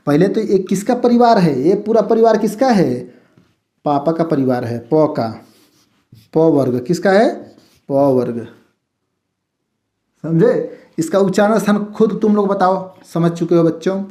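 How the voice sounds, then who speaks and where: A male teacher running a mock class, firing off questions and then supplying the answers himself. His tone is mellow and unhurried. The room around him rings with a noticeable echo. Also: sits high. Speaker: Hindi teacher. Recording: roomy echo.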